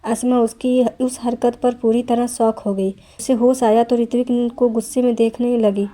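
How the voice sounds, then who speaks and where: A woman narrating a romance novel aloud in a steady, plain reading voice with small restarts. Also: on the high side, normal speed.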